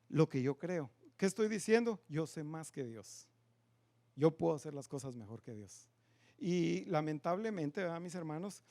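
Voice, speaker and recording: A man preaching a sermon in a church, asking the congregation many questions and swinging between loud emphatic lines and quiet asides. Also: sits high. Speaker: pastor. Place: church sanctuary.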